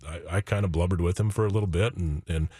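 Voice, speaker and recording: A man's voice: low voice, fast talker, warm tone, breathy edge, dry recording. A man, a guest author in a studio, telling a personal story earnestly, acting out what he and his kids said, with frequent restarts. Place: radio studio.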